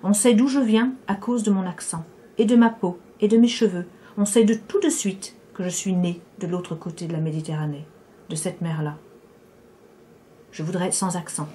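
A woman reading the part of a quiet, self-conscious woman who speaks reflectively. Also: on the low side, fairly even intonation, moderate pace, slight background noise, lightly acted.

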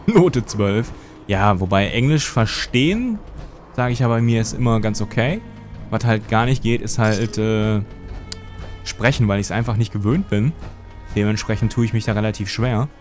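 In his home gaming room, a young native German speaker streams a game via headset mic, faint game music playing underneath. He speaks at a moderate pace in a lowish, slightly mellow voice, rambling chattily as he reads and answers his viewers' messages in casual stream talk.

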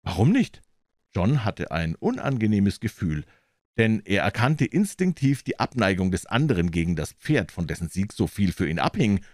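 A man reading a crime story aloud as an audiobook narrator, measured and expressive. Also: on the low side, no room sound, studio quality.

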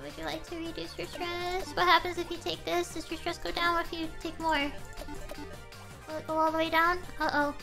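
A woman's voice: very high-pitched, flat delivery, normal speed, vocal fry, over music. A young woman streaming a game in a casual, rambling way, often reading the game's lines aloud in a doting voice. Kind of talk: casual live game commentary.

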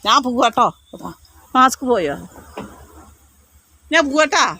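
High, lively woman coaxing her dog. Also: unhurried, rough recording. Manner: coaxing, sing-song baby talk to her dog. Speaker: vlogger. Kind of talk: casual pet-talk vlog. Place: veterinary hospital. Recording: loud background noise, dogs and traffic.

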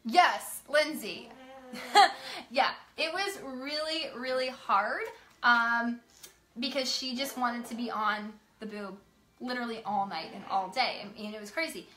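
Young woman, chatty vlogger, bright tense voice, fairly high, echoey room with faint hum. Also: measured pace. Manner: chatty, laughing, retells stories with quoted voices. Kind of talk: casual chat to viewers. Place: home, toddler nearby.

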